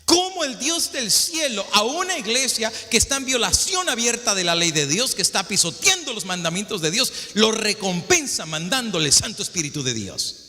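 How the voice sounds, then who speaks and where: A man's voice: sits high, very animated, moderate pace, few pauses, bright, forceful tone, in a large hall. A male pastor preaching a sermon, telling a story and then building to impassioned preaching.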